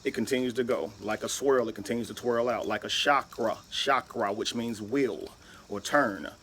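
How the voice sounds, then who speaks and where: A man's voice: medium pitch, steady tone, normal speed, a bit bright, a little hiss or hum. A man giving an emphatic lecture-style monologue, spelling words out letter by letter and asking "right?" often. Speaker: video speaker.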